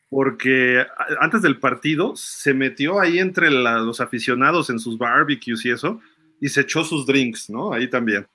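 A man, co-hosting a casual NFL talk show in a relaxed, conversational way. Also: mid-range voice. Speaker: NFL podcast co-host. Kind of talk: casual sports analysis chat.

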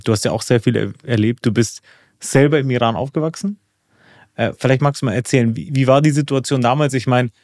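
A man's voice: medium pitch, a little mellow, no echo, studio quality. A man hosting an interview podcast, introducing a guest and asking earnest questions with some fillers and restarts. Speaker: podcast host. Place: indoors.

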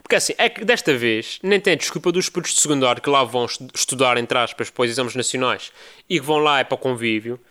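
Animated young Portuguese man, bright voice. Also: fast. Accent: European Portuguese. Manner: animated storytelling, mimics others in high voices. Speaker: podcast host. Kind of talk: casual podcast monologue.

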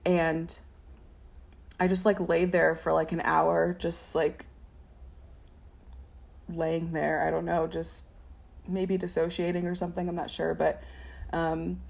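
Young woman guest with a stutter, low gravelly voice, halting, reflective delivery. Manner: halting, many "like" fillers, soft and reflective. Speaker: interview guest. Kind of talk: personal testimony in an interview.

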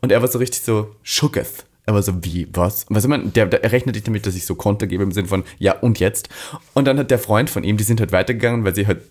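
A young man from Austria, co-hosting a podcast, tells street stories at a rapid clip in a lowish voice. He acts out each quoted line as he goes. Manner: animated storyteller, acts out quotes. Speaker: podcast co-host. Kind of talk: casual chat.

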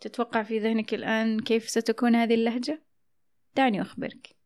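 A woman hosting an educational podcast, reading a measured, scripted narration and slowing down to spell out examples. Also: a little high, little pitch movement, darkish tone. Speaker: podcast host.

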